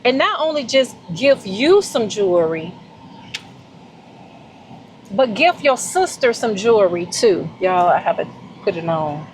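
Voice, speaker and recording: Southern woman vlogger, drawn-out delivery, warm and effusive, slight background noise. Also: on the low side, low-quality recording. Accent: Southern American. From Southern United States. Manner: effusive, animated, heartfelt, addresses viewers as y'all. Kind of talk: casual vlog chat.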